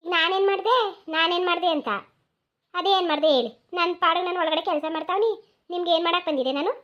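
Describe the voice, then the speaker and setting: A woman voicing a sharp-tongued young village daughter-in-law in a cartoon, with a rural Mysore-region accent, defensive and quick to answer back. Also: very high voice, steady tone, lo-fi sound. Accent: rural Mysore-region Kannada.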